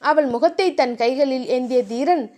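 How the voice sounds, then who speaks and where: A woman reading an audio novel aloud in scripted narration, in an even storytelling manner. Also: high-pitched, a little slow.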